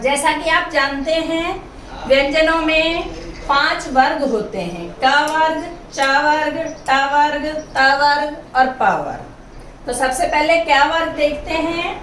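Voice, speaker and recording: Female Hindi teacher, slow and patient, spelling out each letter; roomy recording with faint hiss. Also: high-pitched, fairly bright tone. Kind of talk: grammar lesson explaining consonants. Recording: echoey room, mic at a distance, faint hiss.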